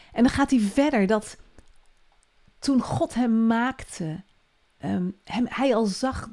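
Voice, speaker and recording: Woman doing a devotional podcast, earnest and encouraging, goes soft and hushed a lot. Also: fairly high pitch. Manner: earnest and encouraging, often dropping to a soft hush.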